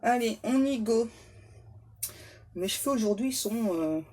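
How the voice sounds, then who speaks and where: A woman with a slightly high, dark-toned, expressive voice gives an unhurried, casual tarot reading to camera. Chatty and joking, she interrupts herself to banter with her spirit guides and laughs at her own expense.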